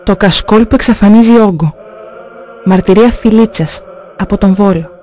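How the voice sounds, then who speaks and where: A man slowly and solemnly reading out religious testimonies. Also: high-pitched, warm tone, faint music behind.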